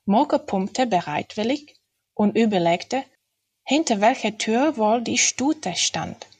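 A woman reads a children's fairy-tale novel aloud at an unhurried pace. Her delivery is deliberate and steady, in a storytelling manner. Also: on the high side, husky. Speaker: reader. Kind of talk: audiobook-style reading of a children's novel.

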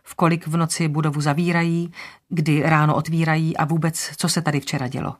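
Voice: mid-range voice, flat delivery, natural voice. A narrator voicing a businesslike woman lawyer investigating a death, giving polite orders. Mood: brisk. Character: brisk woman investigator, lawyer, matter-of-fact.

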